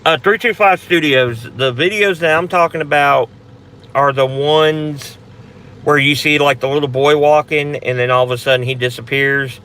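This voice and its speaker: A man's voice: on the high side, fairly even intonation, normal speed, bright, forceful tone, slight background noise. A man hosting a casual live Q&A for a paranormal channel, talking in a rambling, blunt way with frequent restarts and some swearing.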